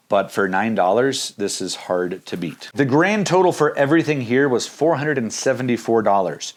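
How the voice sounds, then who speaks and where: A man casually reviewing budget backpacking gear outdoors, upbeat and jokey in a plainspoken way. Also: medium pitch.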